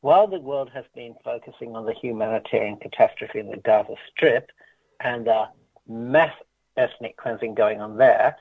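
A man speaks over a narrow, tinny phone line, his voice gravelly and a little husky. He gives a steady, measured explanation as an activist interviewee. The sound is thin and boxed in. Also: medium pitch, dry recording. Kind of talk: explaining political context.

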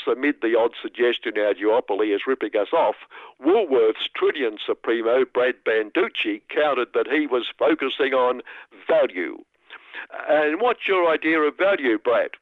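A man's voice: mid-range voice, normal speed, no room sound. A man delivering scripted, sarcastic satirical commentary in mock outrage. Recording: dry, tinny radio line.

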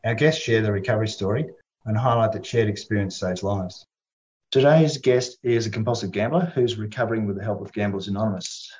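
A man's voice: fairly low pitch, brisk, a little mellow. An Australian man hosting a community radio interview in a plain, informal and slightly hesitant way. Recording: dull, lo-fi radio audio.

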